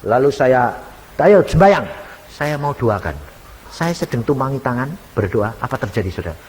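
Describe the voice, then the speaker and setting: A man's voice: medium pitch, big pitch swings, moderate pace, a little mellow. A man preaching a storytelling sermon, acting out conversations in shifting voices. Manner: acts out dialogues in shifting voices. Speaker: evangelist preacher. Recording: hall reverb, faint hiss, old MP3.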